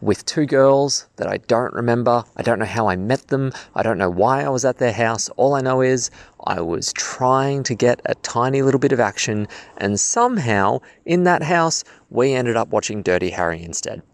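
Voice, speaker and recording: A man's voice: mid-range voice, expressive, moderate pace, dry recording. An Australian man recording a casual, jokey, confessional message in a car park. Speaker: guest contributor sending a farewell message. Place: in a parking garage or car park.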